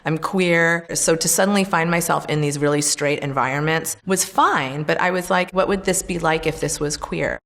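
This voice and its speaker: A woman's voice: deep voice, moderate pace, hardly any pauses, a bit bright. A middle-aged woman talking casually in a documentary interview as the founder of a program. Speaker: story hour founder.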